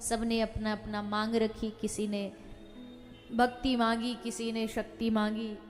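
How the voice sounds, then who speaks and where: A woman's voice: fairly high pitch, monotone, measured pace, big-room sound, music in the background. A woman giving a devotional scripture discourse, animatedly telling the story and acting out its dialogue. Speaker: religious storyteller.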